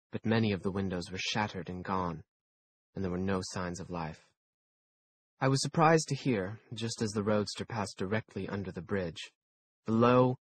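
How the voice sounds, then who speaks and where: A male audiobook narrator tells a first-person story in a measured, dry way. His voice is fairly low and a little husky. He reads at an even pace.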